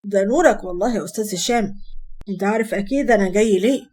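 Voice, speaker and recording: A woman's voice: medium pitch, racing, darkish tone, close to an everyday voice. A woman voicing a polite young male suitor with an Egyptian Arabic accent and a placating manner.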